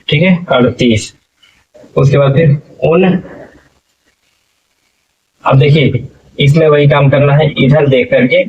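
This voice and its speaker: A man's voice: a little high, a little mellow, far from the mic, dull audio. A male teacher giving a patient lesson, stretching out syllables and often checking in with his listeners. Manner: patient, drawn-out syllables, frequent "okay?" checks. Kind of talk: classroom lesson.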